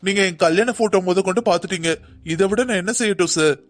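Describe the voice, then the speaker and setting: A high, quick male voice for a man playing a cocky young cartoon policeman who argues every point. He presses his case in a hurried, insistent way over light music. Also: natural voice. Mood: pleading. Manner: boastful, argumentative. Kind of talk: cartoon dubbing.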